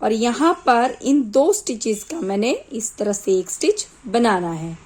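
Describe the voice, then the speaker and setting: A woman walks viewers through a knitting pattern in a calm, unhurried way, counting stitches aloud one by one. Her voice sits a little high and sounds slightly off from a sore throat, and she speaks very slowly. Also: rough recording. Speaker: knitting tutor. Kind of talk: slow step-by-step craft tutorial.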